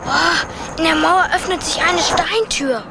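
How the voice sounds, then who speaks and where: An actress playing a cheeky, watchful young sibling on lookout in a children's audio drama, alert in manner. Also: female voice, extremely high pitch, measured pace, full character voice. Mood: excited, cheeky. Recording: clearly noisy ambience.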